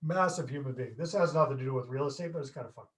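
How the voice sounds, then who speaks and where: A Canadian man in his fifties talks rapid-fire in a mid-range voice, appearing as a guest on a video call. In this casual interview chat, he tells stories with a jokey, self-deprecating humor.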